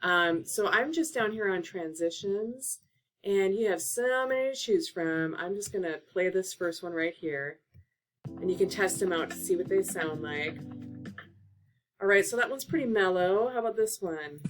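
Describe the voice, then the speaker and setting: With soft music playing in the background, this Oregon teacher-librarian walks through steps on her laptop in a relaxed screen-share tutorial full of fillers, captured on the laptop mic. She speaks at a medium pitch and moderate pace with lively intonation.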